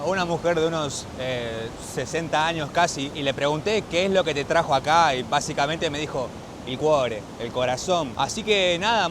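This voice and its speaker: A man's voice: medium pitch, slight background noise. A man with a Rioplatense Spanish accent, chatting casually as a travel vlogger while walking outdoors through a small village and talking straight to his viewers. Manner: chatty, addresses viewers directly, laughs easily.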